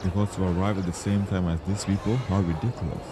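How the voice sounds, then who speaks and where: A man dubbing a telenovela, playing a smug, flirtatious gentleman. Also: sits low, little pitch movement, quick pace, noisy background, lightly acted. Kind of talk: dubbed telenovela acting.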